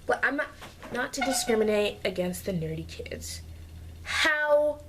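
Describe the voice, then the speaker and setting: A woman's voice: medium pitch, animated, normal speed, a little hiss or hum. A young woman vlogger telling a casual, exasperated storytime rant about her classes, full of sarcasm. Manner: exasperated, sarcastic, mocks classmates in put-on voices.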